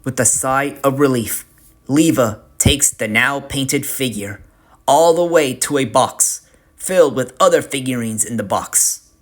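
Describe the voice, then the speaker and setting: A man narrating a fantasy storybook tale in a slow, deliberate reading. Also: medium pitch.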